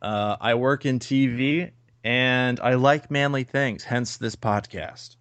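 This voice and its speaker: A man's voice: mid-range voice, takes it slowly, clean tone, no echo. A man in his thirties co-hosting a casual podcast, wry and laughing as he tells stories. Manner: wry, laughing, animated storyteller. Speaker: podcast co-host. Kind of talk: casual chat.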